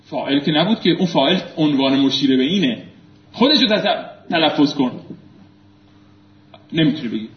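Animated male teacher in an echoey classroom. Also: long pauses. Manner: animated, quizzing students, swinging between loud prompts and low asides. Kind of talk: classroom lecture with call-and-response drilling. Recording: echoey room, muffled lo-fi sound.

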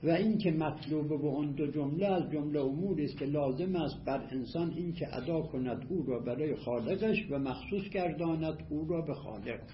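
A man teaching a class on a classical text, reading passages aloud and then explaining them word by word in a measured way. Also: fairly high pitch, a little hiss or hum. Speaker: teacher of Arabic rhetoric. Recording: echoey room, slightly dull lo-fi audio.

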